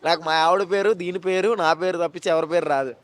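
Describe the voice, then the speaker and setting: A man talks at a rapid clip in a fairly high voice. He tells his stories in a casual interview with animated, joking asides. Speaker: actor and mimicry artist.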